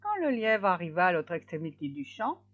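A woman reading a fairy tale aloud in an expressive way, slowing down for effect. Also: fairly low pitch. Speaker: storyteller. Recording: slightly dull lo-fi recording.

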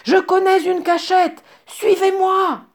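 A woman voicing a brave little village girl who shouts warnings in alarm. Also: very high voice, little pitch movement, takes it slowly, voice pushed up, full character voice. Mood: urgent.

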